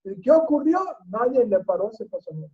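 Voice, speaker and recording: Animated storyteller on a tinny line. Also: medium pitch, fairly quick. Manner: animated storyteller who repeats phrases rhythmically. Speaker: Torah teacher. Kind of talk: sermon storytelling. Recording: tinny phone-like sound.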